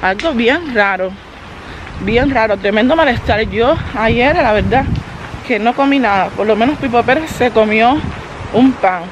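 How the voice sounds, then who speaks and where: A family vlogger walks beside a road, holding the camera herself and chatting straight to her viewers. Her voice is fairly high with lively intonation and an unhurried pace. The recording is muffled and noisy, with traffic and street sounds around her.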